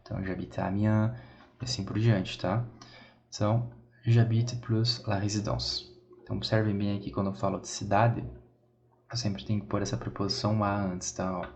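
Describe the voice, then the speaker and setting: A man's voice: lowish voice, little pitch movement, normal speed, gravelly. A Brazilian man with a Brazilian Portuguese accent, teaching a beginner French lesson step by step and often checking in with his students. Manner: explains step by step, repeats phrases, checks in with "tá?". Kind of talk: bilingual language lesson. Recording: dull lo-fi audio.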